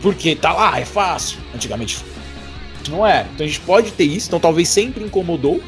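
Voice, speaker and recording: A man in his twenties hosts a casual podcast and rambles through his points with plenty of restarts. His voice sits a little high, and soft music plays faintly behind him. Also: expressive, a little fast. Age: 20s. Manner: jokey, laughing, rambling with restarts. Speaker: podcast host.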